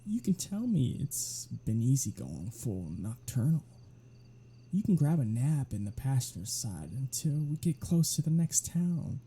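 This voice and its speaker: A performer voices a teasing, unrepentant, sardonic vampire predator in a one-sided ASMR audio drama. The mid-range voice is very husky, breathy, dark and soft, exaggerated with big pitch swings. Speech comes slowly and casually, with curses thrown in.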